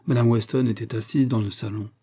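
Dark-voiced man reading a novel. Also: mid-range voice, fairly even intonation, a little fast. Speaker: audiobook reader. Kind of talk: scripted narration of a classic novel.

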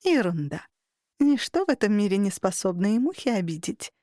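A woman voicing a seductive, imperious sorceress, speaking in a slow, coaxing way. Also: mid-range voice, sing-song, dark tone, dry recording, clean studio sound, natural voice. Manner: slow, coaxing delivery, sometimes whispered.

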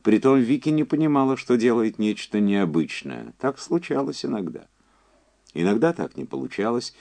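A man narrating an audiobook in a measured, even storytelling manner. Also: medium pitch, gravelly. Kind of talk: scripted narration.

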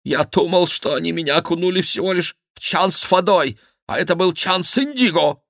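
A man's voice: a little high, a little fast, gravelly, fairly bright tone, dry recording, studio quality, voice pushed up. A man voicing a bold young courtier who blusters and swears. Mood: raging. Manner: blustering, exclamatory. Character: bold young male courtier, swaggering, given to German oaths.

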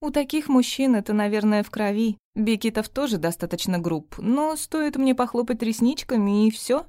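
A woman's voice: fairly high pitch, expressive, normal speed, dark tone, no room sound, studio quality, voice pushed up, lightly acted. A woman voicing a bold, cheeky young female friend with a brash, teasing manner in an audiobook.

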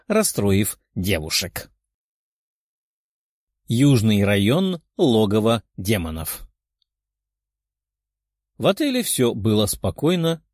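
A man reading a novel aloud as narrator, with expressive storytelling. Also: mid-range voice, no echo, studio quality. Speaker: audiobook narrator. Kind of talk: scripted narration.

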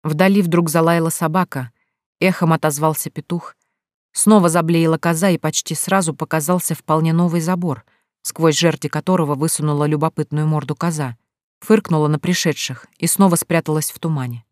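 A steady audiobook narrator reads the story in an even, measured way. The voice sits at a middle pitch, and the recording is dry and close. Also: dry recording. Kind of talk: scripted narration.

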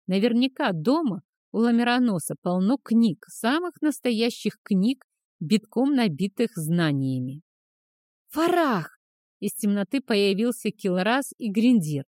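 A woman narrating a fantasy audiobook in a steady, even reading voice. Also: medium pitch, measured pace, dry recording, clean studio sound.

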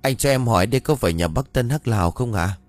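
A man's voice: mid-range voice, expressive, quick pace, soft background music, close to an everyday voice. A man voicing a polite, timid young woman from the city in a read-aloud story, barely changing his own voice. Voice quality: soft, polite, deferential.

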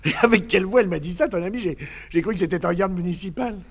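A man's voice: sits high, fast, slightly rough. A man playing a naive, doting man who fusses tenderly over a woman, in a 1950s stage comedy recording. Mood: amused. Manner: tender, fussing and chattering. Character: doting, fussy, naive middle-aged man.

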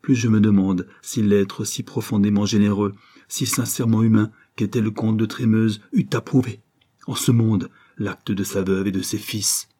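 A man's voice: on the low side, fairly even intonation, normal speed, mellow, close to an everyday voice. A man reading an audiobook, voicing a torn young avenger who speaks to his mother in an earnest, solemn, pleading way. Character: anguished young avenger son, torn by conscience. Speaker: audiobook reader.

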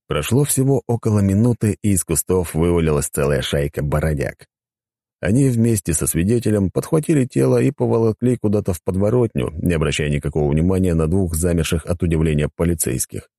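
A man narrating a scripted story in a lively, animated way, with a husky voice. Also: low voice, no room sound, studio quality.

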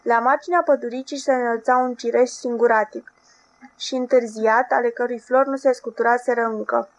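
A woman with a somewhat high voice reads a literary novel as an audiobook. She keeps an even, measured narrating tone throughout.

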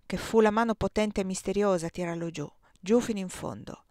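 A woman's voice: mid-range voice, a little fast, a little mellow, no room sound, clean studio sound, close to an everyday voice. A woman reading the lines of a desperate, guilty man who pleads for forgiveness. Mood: pleading.

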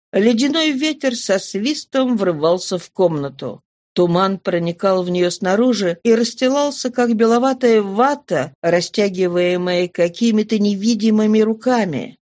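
A woman's voice: medium pitch, animated, a little slow, darkish tone, dry recording. Woman narrating an audiobook. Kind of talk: audiobook reading of a classic novel.

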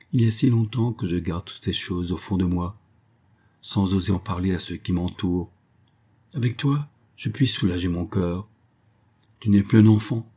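A gruff old spinster whose edge softens into wistful confiding, read by a man in a low, husky storybook voice. The tone stays dark and muted. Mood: tender. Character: stern old spinster neighbor, secretly sentimental. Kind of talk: audiobook reading.

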